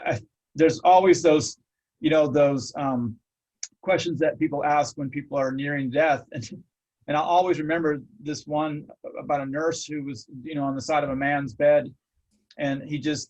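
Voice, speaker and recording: A middle-aged man hosts a casual interview. He talks in an earnest, rambling way, stopping often to reflect. His voice sits slightly high for a man. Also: normal speed, darkish tone, poor audio. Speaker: host.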